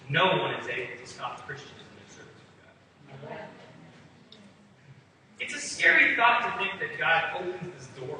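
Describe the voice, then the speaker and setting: A man preaches a sermon, emphatic and casual as he puts scripture in everyday words. His voice is high and piercingly bright. He is picked up from a distance in a long-ringing church hall with faint ambience behind. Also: a little hiss or hum. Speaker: pastor. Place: church sanctuary. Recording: echoey hall, from far off.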